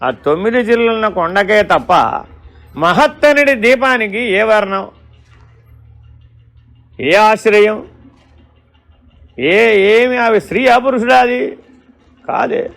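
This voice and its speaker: Male spiritual teacher, high-pitched and gravelly, questioning, storytelling discourse. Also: slow pace, pauses often, a bit bright. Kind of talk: Vedanta discourse.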